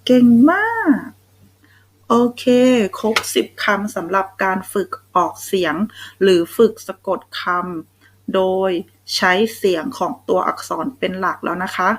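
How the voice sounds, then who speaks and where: A woman's voice: lowish voice, steady tone, a little slow, fairly bright tone, slightly rough, rough recording. A young Thai woman teaching children English phonics, sounding out letters one at a time and praising them. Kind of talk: slow, patient phonics lesson for kids.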